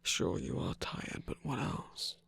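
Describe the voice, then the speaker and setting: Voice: slow, a bit bright. A performer voicing a teasing, manipulative male cookie trickster in a whispered ASMR roleplay, with a mocking, prodding manner.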